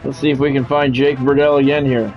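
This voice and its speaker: A man with a mid-range voice and little pitch movement speaks fast over soft background music, and the audio sounds dull. He is a gaming streamer giving radio-style play-by-play of a college football game, ramping up his announcer cadence on big plays and switching to talk with viewers.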